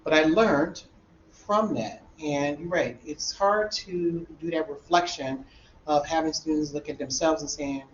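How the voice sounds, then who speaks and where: A man who teaches college algebra, telling an animated classroom story in a discussion group and acting out the dialogue. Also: a little high, unhurried. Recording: roomy, dull sound with faint room noise.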